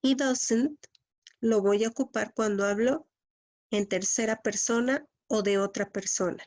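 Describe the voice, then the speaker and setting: Woman, English teacher, patient lesson, repeats key words, slow delivery. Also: fairly high pitch, a little mellow.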